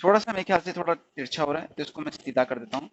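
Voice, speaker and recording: A man teaching a stenography lesson, asking his students questions and answering them himself, repeating each sound slowly. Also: fairly high pitch, lively intonation, muffled recording. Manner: slips into English definitions. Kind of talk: recorded shorthand lesson.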